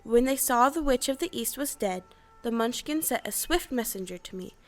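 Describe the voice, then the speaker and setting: A woman's voice: on the high side, lively intonation, moderate pace, natural voice. A woman playing a small, kindly old good witch in an audio play, explaining things in an assured, matter-of-fact way. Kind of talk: stage-style audio play acting.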